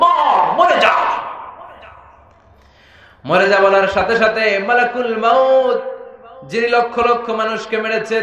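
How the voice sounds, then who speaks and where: A man preaching a dramatic sermon, shouting lines, chanting Arabic verses and calling on the crowd to answer. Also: high-pitched. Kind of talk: Bengali waz sermon. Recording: echoey hall, loud reverb.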